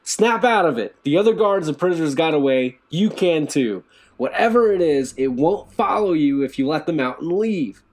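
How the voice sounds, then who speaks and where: A man voicing an insistent male prisoner who yells demands and orders. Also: fairly high pitch, lively intonation, normal speed, pitched above the performer's own voice. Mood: angry shouting. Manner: yelling demands.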